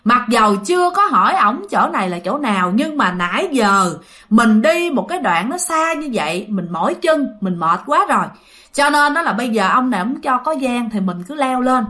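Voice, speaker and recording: A woman's voice: on the high side, very animated, normal speed, pushed and bright. A woman with a Southern Vietnamese accent telling a ghost story in casual spoken style, often turning to address her listeners. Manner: chatty, addresses listeners directly.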